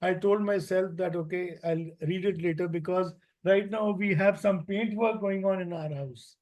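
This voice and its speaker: Middle-aged male interview guest, high-pitched, conversational. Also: fairly even intonation, moderate pace, a little mellow. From Jammu and Kashmir, India.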